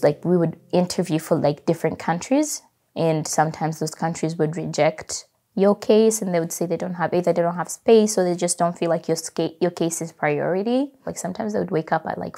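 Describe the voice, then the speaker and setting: Gravelly-voiced young woman telling her story. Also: fairly low pitch. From Democratic Republic of Congo. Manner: reflective, with frequent fillers and soft laughs. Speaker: interviewee. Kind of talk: personal storytelling. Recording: music playing underneath.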